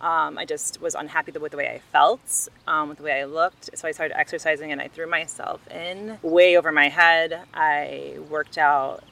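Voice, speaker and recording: A woman's voice: low-pitched, steady tone, normal speed, creaky, few pauses, bright, forceful tone. A woman chatting informally outdoors as a guest in a casual interview. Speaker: interview guest, Pilates teacher.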